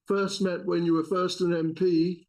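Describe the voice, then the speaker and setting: A man hosting an event, giving a polite, slightly halting formal introduction of a speaker. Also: sits high, level tone, a little mellow. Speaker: event host. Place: lecture room.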